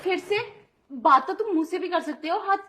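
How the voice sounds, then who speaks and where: An indignant young wife in a Hindi audio drama, played by a woman, scolding her brother-in-law with sharp protests. Her voice sits very high. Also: moderate pace, a little hiss or hum. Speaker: voice actor.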